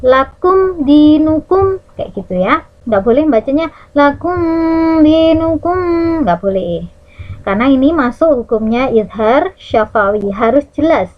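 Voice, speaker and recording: A woman with an Indonesian accent teaches recitation rules in a bright, fairly high voice, pausing to sing out Arabic words slowly as examples. Her teacherly tone keeps checking in with the class. The recording sounds a bit dull and lo-fi. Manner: lively teacherly, checks in with "ya" and "nah". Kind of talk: Quran recitation rules lesson for children.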